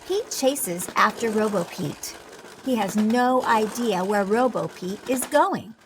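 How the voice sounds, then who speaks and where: A woman reading a children's storybook aloud, gentle and expressive. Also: mid-range voice, slow pace, background noise. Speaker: children's book reader.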